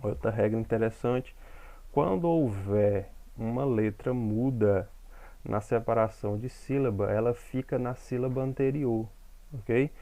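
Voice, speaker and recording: A man's voice: medium pitch, a little slow, warm tone. A man teaching a grammar lesson, explaining step by step and checking in with the class.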